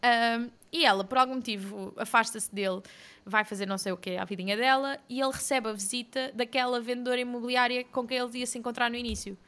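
A young woman, co-hosting a casual book chat and recapping a plot in a mocking, animated way. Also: a little high, fast talker. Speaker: podcast co-host.

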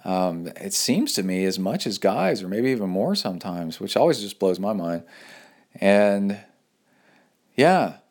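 A man's voice: lowish voice, very animated, unhurried, a little mellow. A man hosting a podcast, telling stories and reading listener email in a loose, rambling, casual way. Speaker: podcast host. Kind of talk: casual solo podcast talk.

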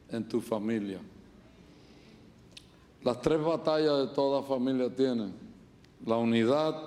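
A man's voice: mid-range voice, a little mellow. A middle-aged man from Puerto Rico with a Puerto Rican accent, preaching a humorous sermon at a church service, full of jokes and stories. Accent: Puerto Rican Spanish. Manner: joking, storytelling, quick asides. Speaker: pastor.

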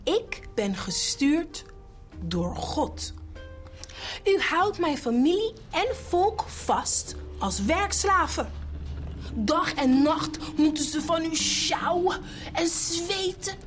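A woman doing a calm, solemn shepherd prophet. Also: extremely high pitch, slow, soft background music, voice pushed up, heavily acted.

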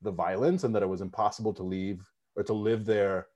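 Candid male podcast host, low voice. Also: steady tone, fairly quick, darkish tone. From Mexico. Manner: casual, candid, uses fillers and swears. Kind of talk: podcast interview.

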